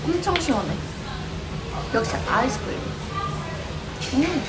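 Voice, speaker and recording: A woman's voice: high voice, big pitch swings, measured pace. A woman vlogger chatting casually at a restaurant meal, gushing over the food while talking through a mouthful of food. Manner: savoring, gushing about food. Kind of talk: casual mukbang chat. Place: restaurant table indoors. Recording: loud restaurant background noise.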